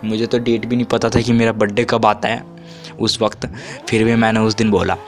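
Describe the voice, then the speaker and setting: A man's voice: flat delivery, fairly quick, faint music behind. A man in his twenties telling childhood stories in a casual, rambling way, often restarting and correcting himself. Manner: acts out quotes with sudden high pitch. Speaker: vlogger. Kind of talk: casual storytelling.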